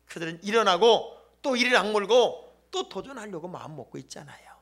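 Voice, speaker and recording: Guy preaching in church, high bright voice, jokey, goes loud then whispery. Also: normal speed. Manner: animated, joking and emphatic, swings between loud exclamations and hushed asides. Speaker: pastor. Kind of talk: sermon. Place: church sanctuary.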